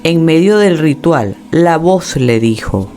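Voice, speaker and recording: A man reading a scripted horror story in a dramatic, measured storytelling manner. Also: a little high, expressive, a little mellow.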